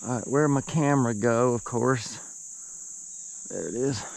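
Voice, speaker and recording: Excited man filming himself fishing outdoors. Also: mid-range voice, measured pace, gravelly. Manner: excitable, talks to himself and the fish. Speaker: fishing video host. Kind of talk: casual fishing vlog commentary. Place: outdoors by a lake. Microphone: action camera.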